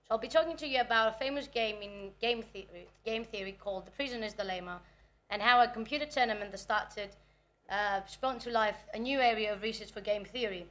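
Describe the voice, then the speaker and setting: Here a twenty-something native Greek speaker from Greece talks through her research at a conference, chatty and anxious and quick to poke fun at herself. The voice is high, fairly fast, and a little bright.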